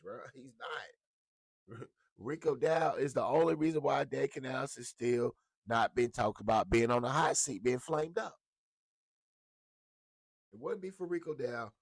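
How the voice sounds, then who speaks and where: A man's voice: medium pitch, no room sound. A man giving a blunt, profane, heated rant as a sports commentator. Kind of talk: ranting sports talk.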